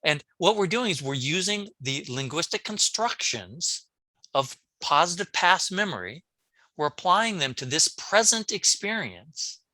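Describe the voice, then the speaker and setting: Bright-voiced man telling stories animatedly. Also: fairly high pitch, no room sound. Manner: animated storyteller, many restarts. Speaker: podcast guest, brain coach. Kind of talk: casual interview conversation.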